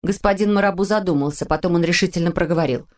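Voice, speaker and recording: Woman reading a kids audiobook, calm and expressive, lowish voice. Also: quick pace. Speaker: audiobook reader. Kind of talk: children's audiobook narration.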